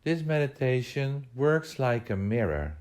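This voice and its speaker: A man guides a meditation, offering measured instructions in short phrases separated by pauses. His mid-range voice has a sing-song quality and a darkish tone.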